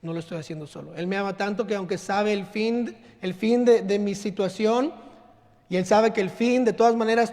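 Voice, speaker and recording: A man preaching in a church, his voice sitting fairly high for a man. The sound rings out with a long hall reverb. He is earnest and sometimes drops soft and low to stress a point. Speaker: pastor. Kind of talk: sermon. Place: church sanctuary.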